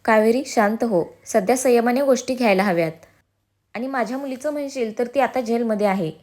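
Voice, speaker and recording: A woman voicing a calm elderly grandfather in a read-aloud story, speaking in a measured way. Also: on the high side, lightly acted. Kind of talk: storybook narration.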